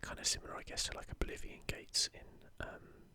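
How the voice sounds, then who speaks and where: Soft and unvoiced, the whisper belongs to a video host doing ASMR as she browses an art book. She talks informally and slowly, keeping everything hushed.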